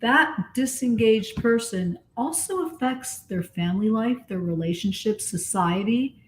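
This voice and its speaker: A woman's voice: on the high side, lively intonation, a little slow, a little hiss or hum. A woman coach in a casual discussion, talking in an earnest, explanatory and emphatic way. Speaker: coach and guest.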